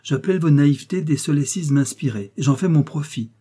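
Proud aristocratic woman read by a man, declamatory, dark husky voice. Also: fairly high pitch, animated, brisk, pitched above the performer's own voice. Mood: teasing. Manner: declamatory, emphatic.

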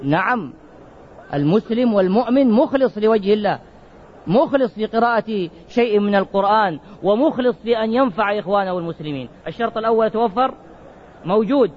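A man's voice: high-pitched, dull audio. A man preaching a sermon, asking the listeners questions and stretching out key words for emphasis.

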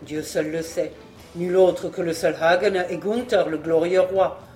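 An audiobook reader voicing a wounded, loyal old male master-at-arms, grave and measured. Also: medium pitch, steady tone, darkish tone, faint music behind, lightly acted. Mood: somber. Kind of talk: audiobook reading.

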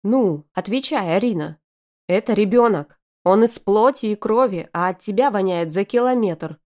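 A woman's voice: medium pitch, moderate pace, darkish tone, lightly acted. A woman reading the lines of a stern, angry young father who speaks in cold, clipped growls. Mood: cold anger.

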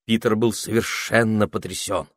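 A man narrating a children's fantasy audiobook in an expressive storytelling manner. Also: lowish voice, normal speed, no room sound, clean studio sound.

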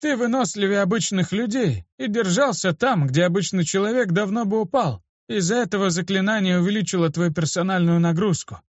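Creaky grumpy old wizard guy, a man doing the voice, high and bouncy, lo-fi. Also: brisk, hardly any pauses, no room sound. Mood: sorrowful. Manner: gruff, scolding. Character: grumpy old male mage, creaky and teasing. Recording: dull lo-fi dry recording.

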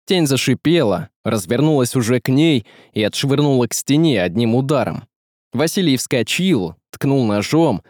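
A man narrating a fantasy story in measured, dramatic storytelling. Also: medium pitch, expressive, a little mellow, dry recording, clean studio sound. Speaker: audiobook narrator. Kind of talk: scripted narration.

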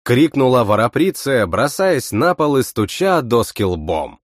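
Male narrator, expressive first-person fantasy reading, animated delivery. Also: mid-range voice, measured pace, dry recording, studio quality. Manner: expressive, voices every character himself. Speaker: audiobook narrator.

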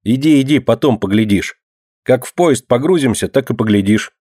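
A man voicing a stern but caring teenage boy who talks gruffly. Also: medium pitch, animated, normal speed, dark tone, no echo, clean studio sound, pitched above the performer's own voice, natural voice. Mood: bossy.

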